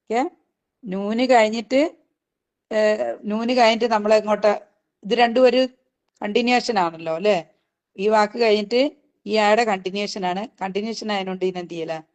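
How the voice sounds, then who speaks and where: A woman teaches a recitation class and explains each rule patiently. She keeps checking in with "okay?" between points and slows down to recite short phrases. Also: mid-range voice, a little mellow. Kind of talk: recitation lesson.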